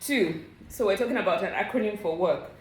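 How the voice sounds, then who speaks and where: A woman talks straight to her audience about mindset and keeps asking whether they understand. Her voice sits at a middle pitch, neither high nor low. The recording carries a noticeable roomy echo. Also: a little fast, slight background noise. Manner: earnest, coaching, asks "do you understand?". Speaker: vlogger. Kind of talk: motivational talk to viewers.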